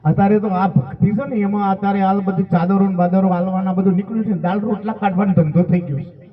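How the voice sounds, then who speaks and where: A man's voice: high voice, fairly even intonation, quick pace. A man giving a sermon with stories, urging his listeners again and again to pay close attention. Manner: emphatic preaching, exhorting listeners to pay attention. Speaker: saint giving a satsang. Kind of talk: sermon with storytelling. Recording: tinny, phone-like, distant from the mic.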